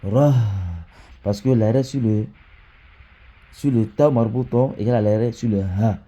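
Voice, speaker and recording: Slow, mellow-voiced man teaching recitation. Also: medium pitch, fairly even intonation. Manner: checks in often with the listener, chants example words slowly. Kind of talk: teaching lesson.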